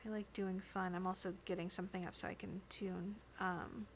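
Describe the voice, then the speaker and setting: A woman streamer chats casually with her viewers, rambling from one thought to the next and laughing easily. She speaks into a close dynamic microphone at an ordinary pitch, with a faint hiss of noise underneath. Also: level tone, moderate pace. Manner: chatty and rambling, often laughing. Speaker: livestreamer. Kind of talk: casual livestream chat with viewers. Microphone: dynamic studio microphone.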